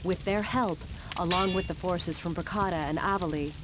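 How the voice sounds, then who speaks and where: An actress playing a grave, resolute warrior queen weary of war, narrating a game cutscene in a solemn, measured, regal manner. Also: on the low side, heavy background noise, lightly acted. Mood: weary resolve.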